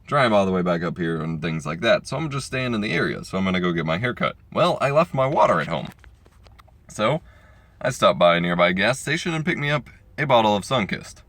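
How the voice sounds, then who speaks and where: A young man talks into his phone camera in a casual vlog, his voice a little low and stuffy from congestion. He explains his views in a chatty, opinionated way. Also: expressive, brisk, fairly bright tone, no room sound. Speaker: vlogger. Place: gas station store and car. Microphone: phone camera, handheld or propped.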